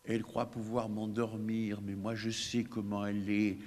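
A man's voice: lowish voice, completely flat delivery, moderate pace, a little mellow, lightly acted. A man voicing a stubborn, scheming baby boy who gleefully tells how he outwits his mother. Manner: gleeful first-person storytelling, mock triumphant. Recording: long hall reverb, faint background noise.

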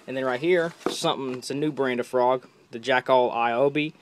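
Excited rambling man unboxing gear. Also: mid-range voice, moderate pace, a little hiss or hum. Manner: enthusiastic, rambling with repeated words. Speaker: fishing vlogger. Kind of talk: casual unboxing commentary.

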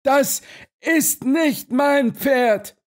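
A male audiobook narrator voicing an excitable elderly army colonel who bursts out in agitation. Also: normal speed, close to an everyday voice. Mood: agitated. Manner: agitated, high-strung outbursts. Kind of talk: audiobook character voice.

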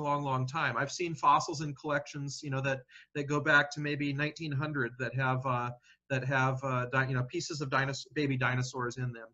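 A man's voice: fairly high pitch, bright, forceful tone. A man, a paleontologist guest, answering questions in a casual interview, thinking aloud with many fillers and restarts. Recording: dull lo-fi audio.

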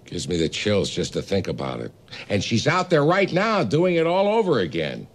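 Low-voiced weary older detective. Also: male voice, wildly swooping pitch, normal speed. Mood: weary, uneasy. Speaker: police detective. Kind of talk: film acting.

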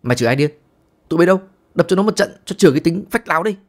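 A man voicing a cheeky scheming young guy, dramatic, raised and loud, story narration. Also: fairly high pitch, expressive, very fast, voice pushed up. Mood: belligerent.

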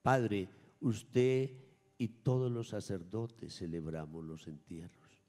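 A man, a priest, preaching a sermon at Mass, emphatic, swinging between raised and hushed lines. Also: fairly low pitch, animated, slow, in a large hall. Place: church.

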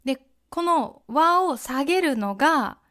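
A young woman hosts a language-learning podcast, talking slowly and clearly for her listeners. Her voice sits a little high, and her manner is gentle and friendly. Now and then she acts out short example phrases. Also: lively intonation. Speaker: podcast host teaching Japanese. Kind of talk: slow, clear explanation for learners.

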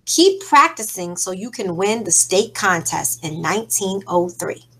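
Storybook older brother, eager and hopeful, read by a woman teacher, slow, bright. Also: medium pitch, sing-song, husky, heavily acted.

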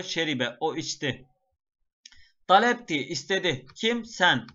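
A man's voice: high-pitched, sharp tone. A man teaching an exam-prep lesson step by step, chanting word lists in a sing-song melody. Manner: explains step by step, often addressing the class. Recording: dull lo-fi sound.

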